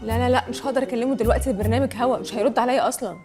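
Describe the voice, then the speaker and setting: A woman's voice: on the high side, steady tone, rapid-fire, a little mellow, breathy edge, big-room sound, soft background music. An actress playing a courteous mother in a TV comedy, with an Egyptian Arabic accent, polite and confused. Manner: polite and puzzled. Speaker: schoolboy's mother. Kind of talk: TV comedy series acting.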